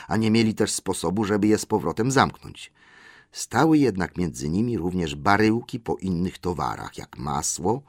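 A man narrating a fantasy audiobook in a steady, measured reading. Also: sits low, husky, dry recording, studio quality. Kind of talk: scripted narration.

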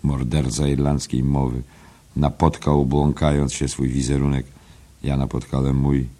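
Very deep-voiced male narrator. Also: little pitch movement, measured pace, dark tone. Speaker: audiobook narrator. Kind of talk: scripted literary narration.

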